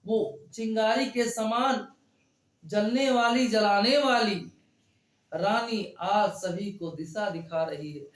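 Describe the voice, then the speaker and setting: A man's voice: high-pitched, roomy sound. A male teacher explaining a poem line by line, repeating phrases and quizzing the class. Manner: slow and repetitive, quizzing the class. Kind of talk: line-by-line Hindi poetry lesson.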